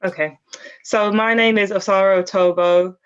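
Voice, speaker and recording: Smooth-voiced woman on a call. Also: mid-range voice, steady tone, moderate pace, dull audio. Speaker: panel guest.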